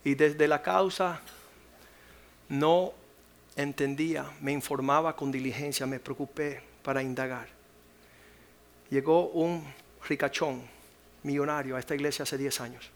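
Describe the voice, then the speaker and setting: Gravelly-voiced male pastor preaching. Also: fairly high pitch, steady tone, measured pace, long pauses. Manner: shifts from hushed whispers to loud acted quotes. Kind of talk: sermon.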